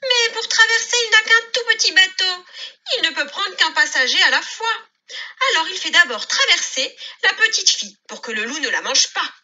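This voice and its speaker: A woman reading a children's story aloud in a playful, expressive way. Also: very high-pitched, normal speed.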